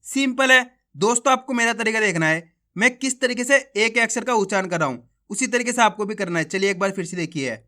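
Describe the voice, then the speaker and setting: A man teaching beginners to read, sounding out words slowly and repeating each one, then explaining the steps in a chatty voice. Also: high-pitched, bright, forceful tone. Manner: slow, drawn-out word-by-word reading drills. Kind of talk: Hindi reading lesson.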